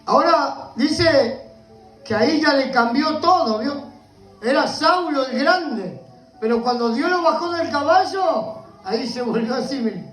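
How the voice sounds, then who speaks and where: Impassioned Rioplatense pastor, high and echoey. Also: male voice, animated, measured pace, fairly bright tone, faint music behind. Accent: Rioplatense Spanish. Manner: impassioned preaching, repeatedly addressing the listener as brother. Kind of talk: sermon. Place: church.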